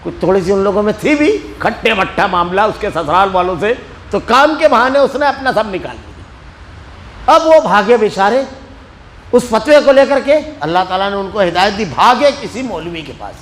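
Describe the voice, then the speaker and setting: A man with an Indian Urdu accent from Maharashtra, teaching a religious lesson in a mosque as an animated storyteller. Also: high voice, slight background noise, rough recording. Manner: animated storyteller acting out quoted speech. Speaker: Quran teacher.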